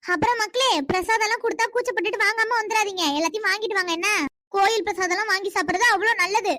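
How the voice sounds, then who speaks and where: A very high, piercing cartoon mother, as a performer puts her on, fussing and nagging her daughters, repeating every instruction. Her voice is bright and brisk, and the recording is dry and close. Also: no room sound. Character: bossy fussing older mother. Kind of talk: cartoon voice acting.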